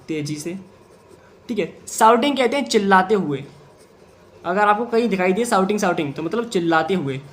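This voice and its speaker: A man with a fairly high voice teaches English reading in Hindi. He goes through each sentence word by word, reading the English very slowly. He often answers his own questions on the students' behalf. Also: a bit bright.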